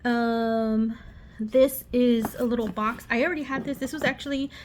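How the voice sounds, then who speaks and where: Higher-pitched woman talking over a washing machine. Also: fairly even intonation, moderate pace, darkish tone. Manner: scattered, self-interrupting, giggly asides. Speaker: craft vlogger. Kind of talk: casual rambling craft show-and-tell. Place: home living room. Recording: washing machine noise in background. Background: running washing machine.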